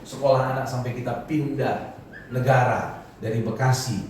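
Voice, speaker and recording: A man's voice: mid-range voice, fairly even intonation, moderate pace, darkish tone, a little hiss or hum. A middle-aged man preaching a sermon as pastor, telling stories casually and acting out quoted voices. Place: church hall. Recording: echoey hall, voice from far off.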